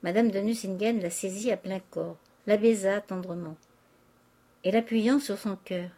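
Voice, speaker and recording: A woman's voice: medium pitch, fairly even intonation, measured pace, dark tone. Woman narrating a classic novel. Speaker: audiobook narrator. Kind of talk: literary audiobook narration.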